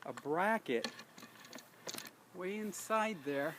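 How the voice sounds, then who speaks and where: An American DIY host with a high, expressive voice speaks at a slow pace as he demonstrates something beside a vehicle outdoors. His talk is folksy and rambling, often self-correcting, and the camera audio is noisy.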